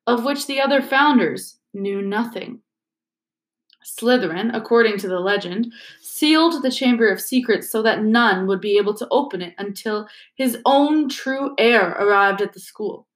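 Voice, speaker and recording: A dry, reedy old professor's voice, lecturing in a flat, dismissive way and getting impatient with questions, as a woman reads the part. The voice sits fairly high, and the room is echoey. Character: old male ghost history teacher, dry and dismissive.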